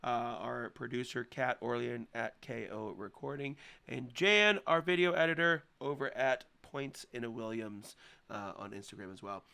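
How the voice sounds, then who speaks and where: A man's voice: mid-range voice, moderate pace, vocal fry, pushed and bright, clean tone. A man co-hosting a podcast in casual banter, laid-back and laughing often, a little hungover. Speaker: podcast co-host.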